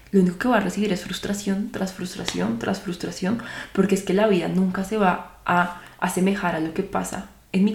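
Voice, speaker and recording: A woman's voice: medium pitch, gravelly, a little mellow, echoey room. A young woman hosting a podcast, talking earnestly to her listeners and asking them rhetorical questions. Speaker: podcast host. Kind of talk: reflective podcast monologue.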